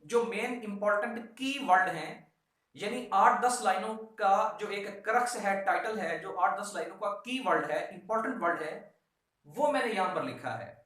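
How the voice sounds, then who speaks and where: A man's high voice with a sharp tone carries a Pakistani accent through an instructional law lecture for exam students. Emphatic, he repeats key instructions and weaves in English terms. The room is echoey with a whiteboard, and the distant mic picks up heavy echo.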